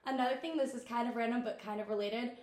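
A young woman co-hosting a casual podcast, talking in a relaxed way and often agreeing with "right.". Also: fairly high pitch, fast talker. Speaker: podcast co-host. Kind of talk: casual chat. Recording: echoey room.

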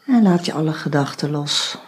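A woman guiding a meditation, giving slow, soft instructions with long pauses. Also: sits low, lively intonation, slightly rough. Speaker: meditation guide. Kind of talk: guided meditation.

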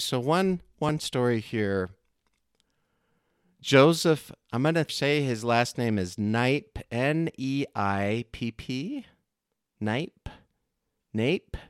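A man hosting a podcast in a casual, easygoing way. His voice is smooth and clear, recorded dry and close. He laughs easily and reads news items in a plain, conversational tone. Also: lowish voice, no echo. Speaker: podcast co-host.

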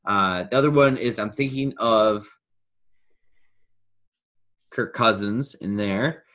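A man's voice: on the low side, takes it slowly, fairly bright tone. A man co-hosting a casual sports podcast, thinking aloud and weighing his options. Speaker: podcast co-host.

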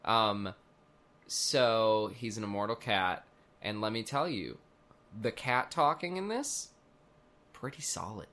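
Man, 20s, podcast co-host. Animated pitch, playful and easygoing banter. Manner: playful, jokey, quick to laugh. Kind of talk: casual chat.

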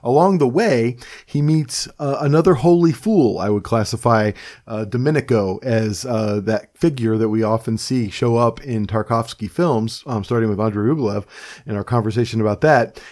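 A man hosting a podcast, talking through a film casually. He hesitates often, filling his pauses with ums and uhs. His voice is at an ordinary male pitch. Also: a little mellow. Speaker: podcast host.

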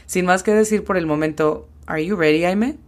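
A woman hosting a podcast lesson as an English teacher, explaining slowly and carefully and spelling words out sound by sound. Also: on the low side.

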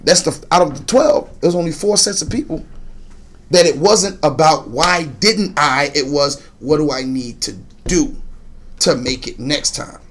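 A man with a plain, mid-pitched voice tells coaching stories in a loose podcast chat. He slips into the voices of the parents he is quoting. The delivery stays relaxed and conversational. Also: unhurried. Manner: storytelling, acts out parents' voices. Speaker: basketball coach, co-host.

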